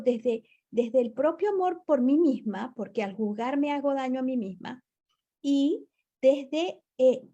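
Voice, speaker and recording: A woman's voice: high voice, warm tone. A woman guest reflecting on her own experience, searching for words and often restarting mid-thought. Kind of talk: reflective conversational talk.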